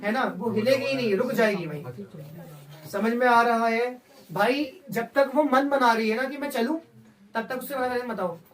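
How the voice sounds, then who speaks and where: A man teaching a class, lively and joking, often checking whether his students follow. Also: extremely high pitch, moderate pace. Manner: mixes Hindi with English terms, jokes with class. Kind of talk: classroom lecture. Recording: voice from far off the mic.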